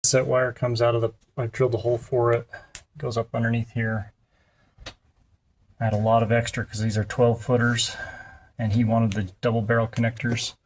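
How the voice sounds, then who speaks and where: A man talks through a how-to installation step by step, plain-spoken and folksy in a casual, hands-on style. His medium-pitched voice is flat and moderately paced, with long pauses. The audio is poor, with clear background noise and occasional clicks.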